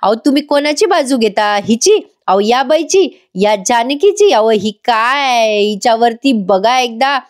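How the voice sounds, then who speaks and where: A woman's voice: a little high, lively intonation, unhurried, few pauses. A woman reading the lines of a scheming village strongman in a TV serial recap, in a blustering, mocking manner. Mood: taunting. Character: scheming village strongman, middle-aged man.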